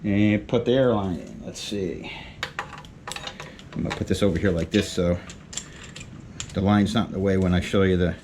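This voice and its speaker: Muttering brief steps while he works, a man shows how to do a repair test as a casual DIY mechanic, with a handheld camera moving around him. He has a low, darkish voice at normal speed and pauses often, amid tool clanks and workshop noise.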